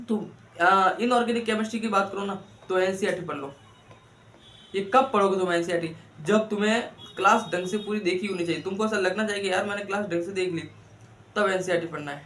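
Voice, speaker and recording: High-voiced man coaching exam students. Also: fairly bright tone, roomy sound, slight background noise. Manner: rhetorical questions, coaxing and scolding. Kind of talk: motivational study advice to students.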